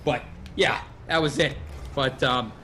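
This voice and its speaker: A man hosts a livestream podcast on a livestream mic, telling stories in casual chat as an animated storyteller who swears freely. His medium-pitched voice moves at a measured pace, with slight background noise.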